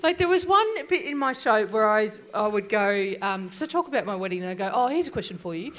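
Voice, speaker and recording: An Australian woman comedian telling a story on a live panel, halting and self-deprecating. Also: mid-range voice, animated, a bit bright. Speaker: comedian guest.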